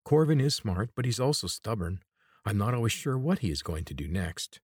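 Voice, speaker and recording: Male narrator voicing a pained but defiant captive young woman; tense and pleading, pitched up. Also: sing-song, normal speed, a little mellow, breathy edge, no echo, studio quality. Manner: strained, pleading.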